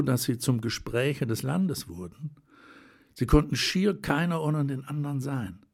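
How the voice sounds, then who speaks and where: A man narrating an audiobook with a steady, deliberate reading. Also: mid-range voice.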